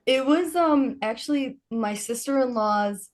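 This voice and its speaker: As a podcast guest, a woman from Palestine shares personal stories in relaxed, informal conversation, laughing often. She has a high voice and speaks a little slowly.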